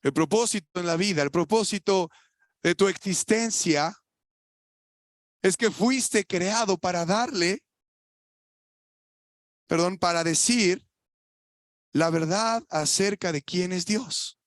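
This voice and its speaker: High-voiced Mexican preacher, dry sound. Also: male voice, takes it slowly, pauses often, dry recording. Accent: Mexican Spanish. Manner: colloquial, asks the audience rhetorical questions; swings between loud emphatic lines and quiet asides. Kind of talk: sermon. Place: church.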